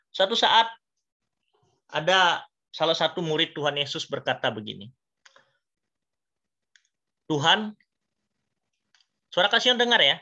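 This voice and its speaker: A man preaching a youth sermon, telling the story with lively acted-out dialogue and questions to the audience. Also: high-pitched. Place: church. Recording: dull lo-fi sound.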